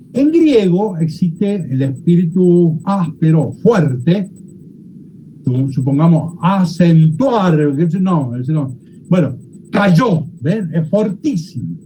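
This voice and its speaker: A Bible teacher gives a classroom lecture. The teacher explains step by step and often checks understanding with quick questions. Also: mid-range voice, dark tone, a little hiss or hum, poor audio.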